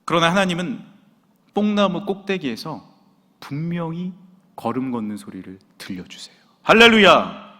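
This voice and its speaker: High, animated Korean pastor preaching. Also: male voice, normal speed. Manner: dramatic preaching, acting out quotes, shouted hallelujahs. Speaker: senior pastor. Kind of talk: sermon. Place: church sanctuary. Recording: long hall reverb.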